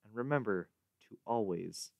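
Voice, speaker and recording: A young man chats his way through a graph on a livestream, rambling and correcting himself often. His voice is gravelly and on the low side. The sound is dry and close. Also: animated, normal speed, dry recording, highs cut off. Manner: rambling, self-correcting, with fillers and soft laughs. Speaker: livestream host. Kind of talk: casual livestream chat while graphing.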